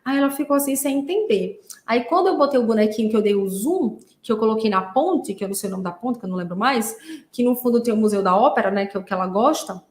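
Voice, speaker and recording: A woman's voice: a little high, lively intonation, fast, reverberant. A woman from Brazil, a therapist hosting a podcast, talking casually and telling stories with many fillers. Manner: chatty, storytelling, many fillers like "né". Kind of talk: casual monologue.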